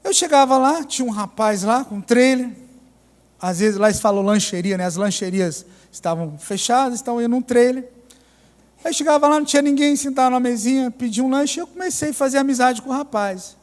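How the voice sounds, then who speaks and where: A pastor with a Mineiro accent, telling a story in a sermon with ironic humor. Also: male voice, very high-pitched, a little fast. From Minas Gerais, Brazil. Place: church. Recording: reverberant church hall.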